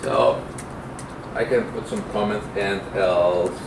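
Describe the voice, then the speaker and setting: A middle-aged programming instructor gives an informal classroom lecture with a live coding demo, speaking haltingly as he thinks aloud. His voice sits low but has lively intonation. The recording sounds roomy, with a distant mic and clear background noise.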